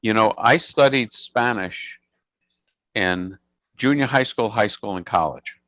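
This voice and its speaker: A man in his sixties who leads synagogue services chats casually, telling rambling stories and often correcting himself. His voice is fairly low and fairly bright, and he speaks unhurriedly. There is no room sound.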